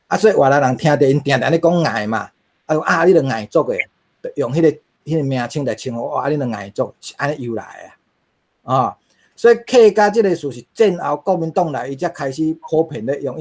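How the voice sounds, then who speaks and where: Man lecturing with a Taiwanese accent. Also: on the high side. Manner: rhetorical questions, frequent fillers. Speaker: linguistics lecturer. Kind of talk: classroom lecture.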